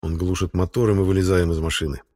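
A man reading a first-person novel aloud as an audiobook narrator, in a steady, matter-of-fact storytelling manner. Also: sits low, fast.

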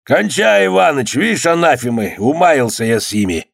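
A male reader voicing a gruff, weary old boyar judge with a gravelly, curt, commanding voice. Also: mid-range voice, very animated, moderate pace, dry recording, clean studio sound, voice pushed up.

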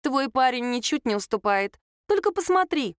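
A woman's voice: high-pitched, very animated, moderate pace, no room sound, clean studio sound, voice pushed up. A woman reading an audiobook, voicing a confident, teasing young woman reassuring her friend.

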